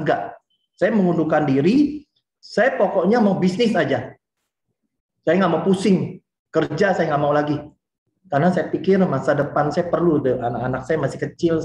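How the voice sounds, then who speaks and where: A man in his forties from Indonesia giving a lively, chatty motivational talk and speaking straight to his listeners. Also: on the high side, roomy sound, lo-fi sound. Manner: lively and chatty, often addresses the listeners directly.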